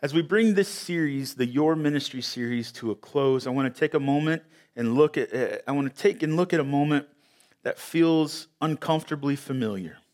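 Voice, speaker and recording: A man preaching in a slightly higher-than-average voice. He opens with an anecdote, then builds to emphatic points, speaking conversationally to his congregation with the odd "uh". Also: moderate pace, a little mellow. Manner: storytelling, emphatic, conversational with fillers. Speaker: pastor. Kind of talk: sermon. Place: church sanctuary with audience.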